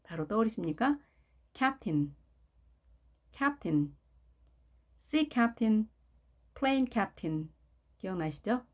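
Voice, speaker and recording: A woman teaching English pronunciation of job names, slowly repeating each word with careful stress. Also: mid-range voice, animated. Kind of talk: pronunciation lesson.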